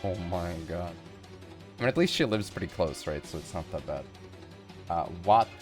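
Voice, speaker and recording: A man's voice: low voice, animated, moderate pace, over music. A man streaming live, chatting casually and playfully with viewers in a rambling way.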